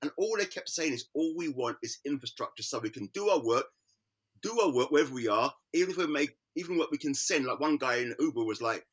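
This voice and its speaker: A middle-aged man with a London accent, an artist chatting casually and telling animated stories, acting out the people he quotes. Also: mid-range voice, quick pace, slightly rough. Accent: London English. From Britain. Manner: animated storyteller, acts out quoted voices with laughter. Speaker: artist guest. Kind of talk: casual conversation.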